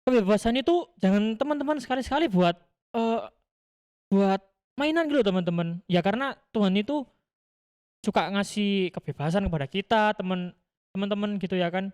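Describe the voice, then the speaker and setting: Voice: medium pitch, fairly quick, darkish tone, smooth. A young adult youth ministry leader, giving a casual personal testimony at an online youth service and often speaking to the listeners as friends. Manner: casual, keeps addressing listeners as friends, many fillers.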